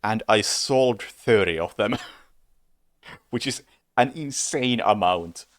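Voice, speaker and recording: A man's voice: on the low side, animated, takes it slowly, no echo. A man streaming a game, chatting casually in a rambling way with frequent chuckles and self-corrections, a bit sleepy. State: sleepy, yawning. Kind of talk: casual gameplay commentary.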